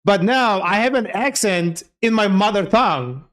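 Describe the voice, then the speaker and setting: This live streamer and programmer, a Turkish native speaker with an accent, chats casually with viewers while coding, thinking out loud. He speaks at a moderate pace in a high, expressive voice with a bit of brightness.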